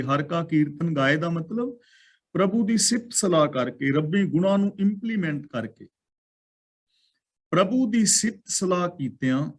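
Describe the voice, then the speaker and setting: A man explaining scripture. He recites each verse line slowly and drawn out, then explains it word by word. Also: on the high side. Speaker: scripture teacher.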